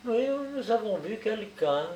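Man reading as a grieving young daughter, quiet, dark mellow tone, roomy distant sound. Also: sits high, lively intonation, unhurried, lo-fi sound, a little hiss or hum, pitched above the performer's own voice. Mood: subdued.

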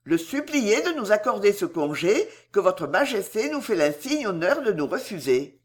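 A woman's voice: mid-range voice, big pitch swings, moderate pace, lightly acted. A woman voicing a cold, scheming female royal confidante in a read-aloud historical novel, icy and cuttingly polite.

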